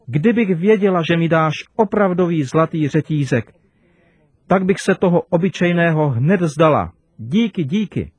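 A man voicing a loving, excitable little girl who pleads and cries out with emotion. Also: a little high, husky, no room sound, lo-fi sound, pitched above the performer's own voice. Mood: overjoyed.

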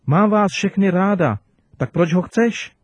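A man voicing a loving, excitable little girl who pleads and cries out with emotion. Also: fairly high pitch, husky, dull audio. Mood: pleading.

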